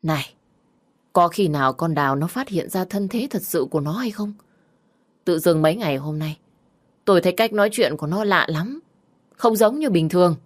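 A woman voicing a frantic, scolding older mother in a narrated story, raising her voice high and loud. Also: lively intonation, moderate pace, long pauses. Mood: suspicious.

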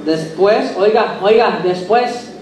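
A man preaches a lively sermon, dropping to soft asides and then rising to loud, emphatic points while he questions his listeners. He stands far from the mic in a very echoey church hall. Faint room ambience sits under his voice. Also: high voice, slow pace, a faint crowd, a little hiss or hum.

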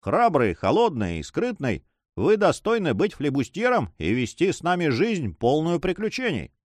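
A man's voice: a little high, wildly swooping pitch, normal speed, dry recording, pitched above the performer's own voice. A man voicing a cool, mocking male pirate captain who speaks with dry sarcasm, in an audiobook reading. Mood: coldly sarcastic. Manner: ironic, coolly sarcastic.

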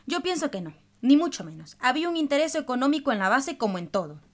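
This radio host from El Salvador has a high voice and talks fast, sounding very animated. She walks listeners through topics in a teaching, scripted style as one side of a staged on-air dialogue.

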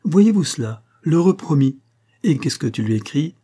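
A man's voice: mid-range voice, moderate pace, mellow, breathy edge, lightly acted. A man voicing a mocking, sly master. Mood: teasing. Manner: jovial, sly, teasing. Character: mocking teasing middle-aged master of the house.

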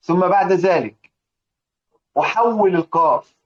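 A man's voice: high voice, a little slow, dull audio. A man with an Egyptian accent teaching a religious lesson on recitation rules, who drills his students with repeated rhetorical questions. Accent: Egyptian Arabic. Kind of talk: religious lesson explaining a poem.

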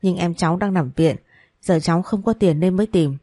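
A woman's voice: fairly low pitch, brisk, mellow, no echo, clean studio sound, close to an everyday voice. A woman voicing a desperate young woman worker who pleads urgently for her wages. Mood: pleading.

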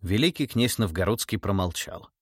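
A man narrating an audiobook in a calm, even storytelling delivery. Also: on the low side, moderate pace, husky, no echo, studio quality. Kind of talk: scripted narration.

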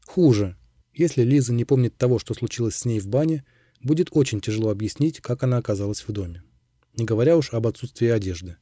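Audiobook narrator, male, calm and measured, very dark mellow tone, dry close recording. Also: mid-range voice, slightly rough, no room sound.

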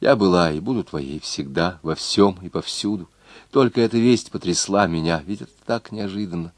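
A devoted young noblewoman in love, speaking with fervent tenderness, as a deep-voiced male reader puts her on. The sound is close and dry, with no room around it. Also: moderate pace, dry recording. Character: young noble woman, devoted, passionate lover. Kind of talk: audiobook reading of a novel.

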